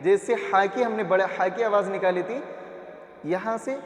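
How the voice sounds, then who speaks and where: A man teaching Quran reading, slowly sounding out syllables one by one and asking his own questions. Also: sits high, steady tone. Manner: drills letter sounds, repeats each syllable, asks and answers his own questions. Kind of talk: slow classroom recitation lesson. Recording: echoey roomy reverb.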